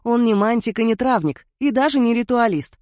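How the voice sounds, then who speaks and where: A woman's voice: on the high side, expressive, a little fast, a little mellow, no room sound, studio quality, voice pushed up, lightly acted. A woman voicing a clever young male investigator who reasons aloud with a teasing edge. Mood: wry.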